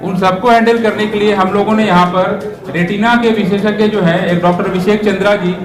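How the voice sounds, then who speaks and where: A man's voice: high voice, steady tone, brisk, echoey room, a crowd in the background, low-quality recording. A man, a doctor, explaining medical arrangements at a press conference, mixing English terms into his speech.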